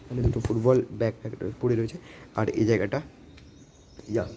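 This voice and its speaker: A man's voice: medium pitch, steady tone, a little fast, dark tone, a little hiss or hum. A man chatting casually as a vlogger, showing his home and scattering English fillers as he rambles. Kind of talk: casual vlog chat. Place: walking around his home.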